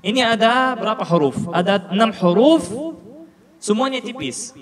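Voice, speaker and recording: A high-pitched man teaches Quran recitation, repeating each syllable carefully to model it and quizzing the room. His voice rings with a long hall reverb, and a crowd is clearly audible behind him. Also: lively intonation. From Palestine. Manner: deliberate, repeats sounds to model pronunciation, quizzes listeners.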